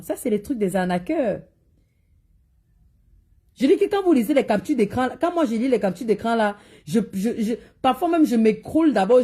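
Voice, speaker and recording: A seller of spiritual and cosmetic products speaks in a live social media monologue with a Cameroonian French accent. She's blunt, repeatedly warning and scolding her audience in a husky, dark, mid-range voice.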